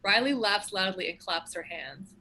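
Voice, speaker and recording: In a bright, forceful, mid-pitched voice, a woman narrates the stage directions of a script. She sounds animated and keeps a normal speed, with slight background noise present.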